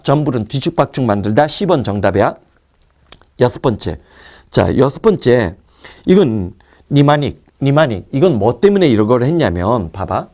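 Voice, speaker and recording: A man teaching an English vocabulary lecture, drilling word roots with quick asides to his students. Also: mid-range voice, darkish tone. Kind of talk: recorded online lecture.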